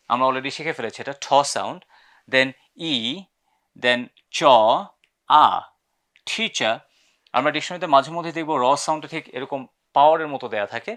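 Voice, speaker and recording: A man with a Bangladeshi accent leads a pronunciation lesson, sounding out each word sound by sound. His voice is bright and clear, pitched in an ordinary middle range, and he says each model word several times over. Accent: Bangladeshi English. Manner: drills sounds slowly, repeating words for students to echo. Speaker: English pronunciation teacher. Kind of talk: classroom lesson, mixing Bengali and English.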